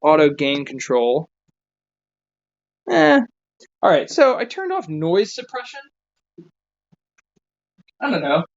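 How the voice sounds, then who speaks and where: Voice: mid-range voice, wildly swooping pitch, slow pace, pauses often. A streamer chatting casually and swearing while fiddling with settings, the volume jumping unevenly from auto gain on a dull, lo-fi mic. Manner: loose, swearing, thinking aloud. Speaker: streamer drumming on a livestream. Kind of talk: casual livestream chat.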